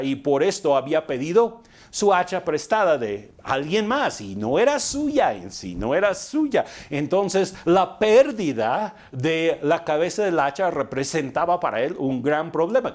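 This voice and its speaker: A man's voice: on the high side, very animated, normal speed. A man giving a sermon, telling stories conversationally with rhetorical questions and fillers. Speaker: preacher.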